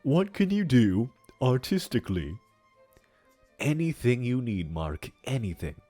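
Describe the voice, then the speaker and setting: A man's voice: medium pitch, sing-song, a little slow, mellow, faint music behind. A man voicing a pompous, menacing, melodramatic older man in a hammy stage-actor manner for a comic dramatic reading. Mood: pleading, melodramatic. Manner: hammy stage-actor delivery with grandiose emphasis.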